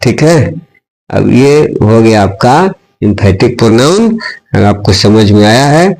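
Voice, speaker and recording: A man's voice: on the low side, big pitch swings, measured pace, vocal fry, darkish tone, poor audio. A male teacher giving a grammar lesson, who keeps asking and answering his own questions and slips between example sentences and explanation.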